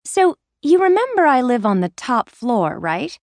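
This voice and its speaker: Woman, scripted learner dialogue. Lively, bouncing delivery with a slightly high voice. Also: a little slow, dry recording. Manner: animated, storytelling complaint.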